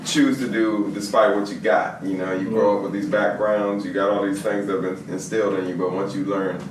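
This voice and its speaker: A low-voiced man from the Washington, D.C. area speaks earnestly and thoughtfully. He sounds distant, set in a reverberant room. Faint noise sits behind him. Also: little pitch movement, fairly quick. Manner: earnest and reflective. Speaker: actor on a panel. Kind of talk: panel discussion. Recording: echoey room from far off.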